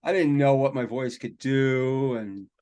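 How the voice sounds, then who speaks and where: With a clean tone, a mid-range voice and a measured pace, a man who sings rock and metal recounts his life in easygoing, wandering, self-mocking stories during a casual podcast interview.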